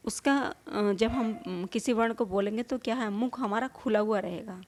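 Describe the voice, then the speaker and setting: A woman's voice: on the high side, moderate pace, darkish tone, slight background noise. A woman teaching a Hindi grammar lesson, explaining patiently, repeating points, asking rhetorical questions and sounding out vowels herself. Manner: demonstrates vowel sounds aloud.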